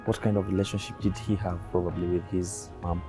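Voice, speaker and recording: A man's voice: low-pitched, flat delivery, a little fast, music in the background, poor audio. A man presenting a news feature and interviewing a grieving father, formal in his intro and brief in his prompts.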